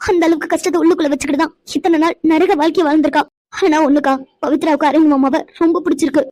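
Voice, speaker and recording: A woman plays an anxious young cartoon sister who talks in a high, quick, fretful voice. The recording is dry and close, with no room sound. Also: steady tone, darkish tone, no echo, natural voice. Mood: worried. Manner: anxious, pleading. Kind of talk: Tamil cartoon voice acting.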